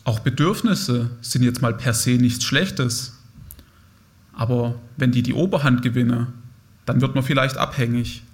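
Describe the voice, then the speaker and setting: A man's voice: mid-range voice, measured pace. A young man giving a conversational, reflective sermon, speaking directly to his listeners. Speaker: preacher.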